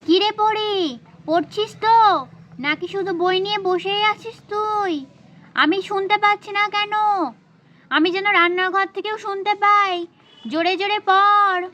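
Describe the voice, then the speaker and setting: A fussy young village housewife from a doll story, voiced by a woman, with an extremely high, thin voice. She grumbles and scolds her way through every chore. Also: fairly even intonation, unhurried, fairly bright tone, dull audio. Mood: fussing.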